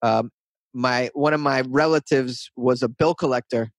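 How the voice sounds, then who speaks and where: Here the interview guest, a man in his thirties from north of Boston, USA, talks casually in a rambling, self-deprecating way. His voice is medium in pitch with fairly even intonation, his pace is measured, and the recording is dry.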